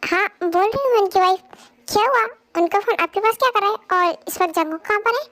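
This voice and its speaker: A woman's voice: very high-pitched, fast, a bit bright, voice pushed up. A woman voicing a young wife who pleads and talks emotionally, in a fan audio drama dub. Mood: worried. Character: young wife, tearful and longing.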